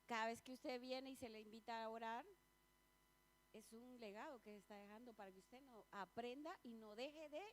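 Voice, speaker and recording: A woman preaches in a church, in a high voice. She talks in a chatty, personal way and keeps asking the congregation questions. A faint hum sits under the recording. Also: normal speed. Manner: laughs often between points. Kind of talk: sermon.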